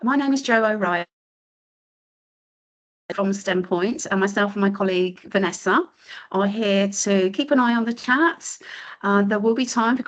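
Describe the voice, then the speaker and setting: A woman hosting an online talk, greeting the audience in a brisk, upbeat way while her video call connection keeps breaking up. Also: medium pitch. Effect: breaking-up video call connection, cutting out. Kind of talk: welcoming introduction. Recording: glitchy, distant online call audio.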